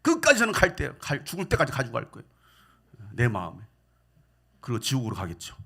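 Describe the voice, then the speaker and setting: Middle-aged pastor guy preaching hard, bright voice that jumps all over, loud then quiet. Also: medium pitch, huge pitch swings, quick pace, creaky, breathy edge. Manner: impassioned preaching, swings from quiet asides to loud emphatic lines; leads the congregation in reading scripture aloud. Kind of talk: sermon.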